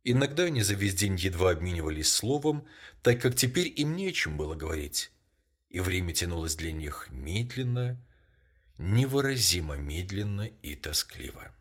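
A man narrating an audiobook story in a measured, somber way. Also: low voice, sing-song.

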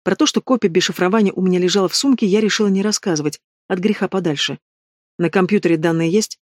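A man's voice: high-pitched, racing, no room sound, clean studio sound. A man reading a first-person novel aloud as an audiobook narrator, telling the story steadily.

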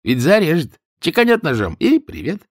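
A man's voice: a little high, wildly swooping pitch, normal speed, voice pushed up, heavily acted. A man voicing a sly village man who teases and goads with mock encouragement. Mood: teasing. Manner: mocking, goading.

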